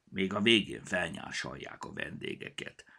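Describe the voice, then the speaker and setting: A man's voice: fairly low pitch, huge pitch swings, bright, forceful tone, breathy edge, full character voice. Man doing a vain, grumbling cat.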